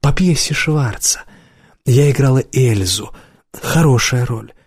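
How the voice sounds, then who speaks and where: Svetlana, a man voicing a tipsy husky actress. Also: slow pace, no room sound, clean studio sound. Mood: wistful, tipsy. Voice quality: low husky laugh, breathy hot whisper. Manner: dramatic, insistent, wistful. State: drunk. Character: tipsy former stage actress, woman, theatrical.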